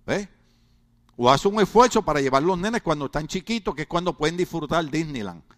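A man preaching in a chatty, joking way with lots of rhetorical questions. His voice sits high for a man and swings widely up and down. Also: lively intonation, brisk, fairly bright tone. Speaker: pastor. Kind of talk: humorous sermon.

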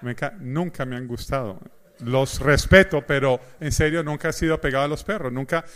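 A male pastor preaching to a congregation, telling personal stories with lively asides and questions to the audience. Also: mid-range voice, brisk. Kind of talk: sermon.

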